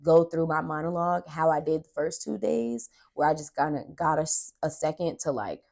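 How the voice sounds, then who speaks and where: A young woman vlogging in a casual storytelling way, her voice sitting low. She is chatty and keeps acting out what people said to her. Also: moderate pace, vocal fry, darkish tone. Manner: chatty, retells dialogue with "I was like".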